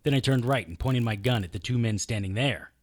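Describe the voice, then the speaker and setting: An actor plays a wry, impulsive, tough detective narrating his own story in first person for an audio drama, tense and hard-boiled as he narrates and acts. His mid-range voice runs a little fast and is lightly acted.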